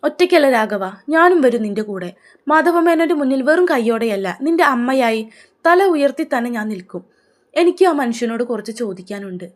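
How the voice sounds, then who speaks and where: A widowed mother from a storybook tale, tearful yet dignified, as a woman narrator voices her. Her voice is fairly high and carries quiet resolve. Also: brisk, natural voice. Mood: resolute. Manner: pleading, then firm.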